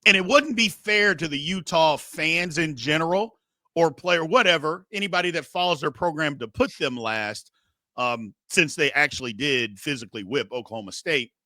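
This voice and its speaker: A man's voice: on the high side, moderate pace, sharp tone, no room sound. A middle-aged man hosting a sports show, giving blunt, emphatic, casual opinions and repeating his phrases for effect.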